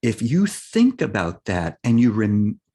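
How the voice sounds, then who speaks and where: A man's voice: lowish voice, very animated, unhurried, mellow. A man speaking as an interview guest, a life and business coach, explaining his ideas earnestly and often checking in with "right?". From United States.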